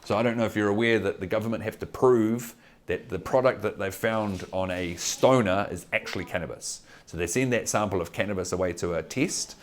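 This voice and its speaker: A man's voice: lowish voice, brisk. A man with a New Zealand accent chatting casually in an interview in an informal, blunt, slangy way. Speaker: political candidate and cannabis advocate being interviewed.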